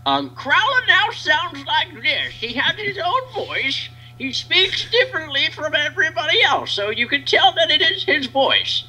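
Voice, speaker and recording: A man voicing a flamboyant male cartoon teacher in an affected high falsetto, plainly putting on a voice. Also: big pitch swings, unhurried, hardly any pauses, bright, forceful tone, heavily acted, rough recording. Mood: showing off. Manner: exaggerated, distinct from his own voice.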